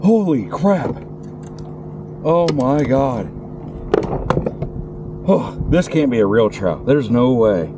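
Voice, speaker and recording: Excitable angler out on the water. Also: male voice, mid-range voice, slow, pauses often. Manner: excitable, talks to the fish, exclaims loudly. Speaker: kayak angler. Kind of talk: outdoor fishing vlog. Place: kayak on open tidal water, outdoors. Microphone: camera mounted on the kayak. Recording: loud wind and water noise outdoors. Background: wind and water.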